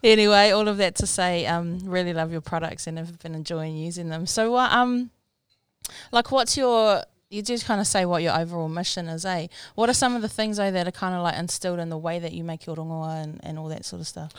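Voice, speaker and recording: Kiwi lady podcast host w maori accent, lowish smooth voice, friendly n informal, dry recording. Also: brisk, no echo. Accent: Māori New Zealand English. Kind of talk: casual interview chat.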